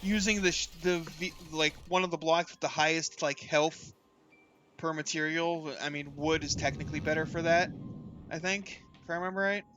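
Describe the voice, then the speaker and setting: Male streamer, slightly high, bright tone, loose rambling stat read-out, faint music underneath. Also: fairly even intonation, normal speed. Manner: rambling, reads out stats, chuckles often. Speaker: streamer and tournament caster. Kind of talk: casual game commentary.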